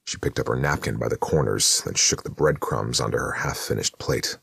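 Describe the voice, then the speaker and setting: A man narrating an audiobook in a measured storytelling manner. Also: a bass voice, gravelly, fairly bright tone, slightly rough, no room sound. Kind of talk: scripted narration.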